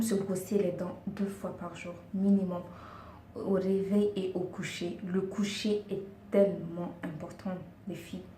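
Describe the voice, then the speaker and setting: Her voice sits at medium pitch with a darkish tone as this lifestyle and beauty vlogger coaxes her audience, whom she often calls girls, through earnest tips. Speaking a second language, she occasionally searches for the right word. It's recorded on a distant mic with roomy echo and a faint background hiss.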